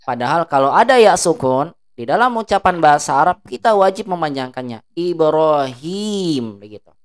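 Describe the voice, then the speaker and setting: A woman teaching an Arabic class. She drills words slowly, stretching the long vowels, and asks the class check questions. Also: sits low, sing-song.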